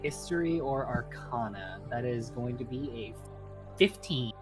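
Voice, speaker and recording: A man playing a tabletop game, chatting in character in a playful, excitable, casual way. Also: medium pitch, unhurried, music in the background. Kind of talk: casual role-play chat.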